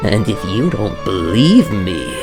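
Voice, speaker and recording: A male voice actor plays a bitter supervillain obsessed with fear and revenge, manic and agitated in a dramatic comic dub. His gravelly, exaggerated voice swings widely in pitch, and he delivers lines theatrically and deliberately, savoring the fear, over a loud, prominent orchestral score.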